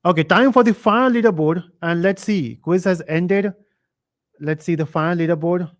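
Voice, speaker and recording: A man's voice: high voice, moderate pace. Man hosting a live quiz. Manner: reads chat comments aloud, thinks out loud with fillers. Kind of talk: casual live stream chat.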